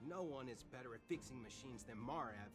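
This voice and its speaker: A man's voice: medium pitch, animated, brisk, natural voice. A man voicing a scornful gossiping vagrant. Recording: game dialogue over music.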